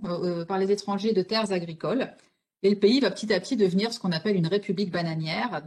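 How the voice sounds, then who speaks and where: A woman giving an online illustrated history talk, explaining step by step with frequent fillers and self-corrections. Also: medium pitch. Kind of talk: spontaneous illustrated lecture.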